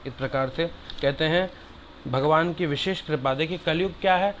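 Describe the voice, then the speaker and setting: A man with a somewhat high voice gives a devotional talk. He explains scripture plainly and calls his listeners brother. The sound is dull and lo-fi with a faint hiss. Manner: chants Sanskrit verses slowly and loudly between plain explanation; addresses listeners warmly as brother. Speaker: religious teacher. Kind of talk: devotional discourse with chanted verses.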